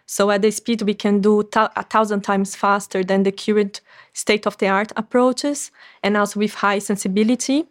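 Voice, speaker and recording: A woman's voice: medium pitch, steady tone, normal speed. Earnest woman explaining her research. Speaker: startup founder. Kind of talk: interview answers.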